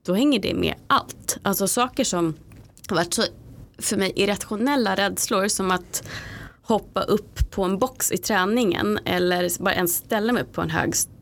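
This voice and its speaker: A woman's voice: medium pitch, vocal fry, a little hiss or hum. A woman speaking reflectively and personally in a casual podcast chat, sometimes searching for words.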